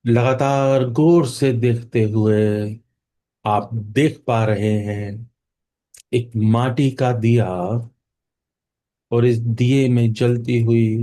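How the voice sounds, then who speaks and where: Guiding a meditation at an extremely unhurried pace, a man with an Indian accent speaks in a mellow, relaxed voice of middling pitch. His delivery is soothing, with long pauses between short phrases.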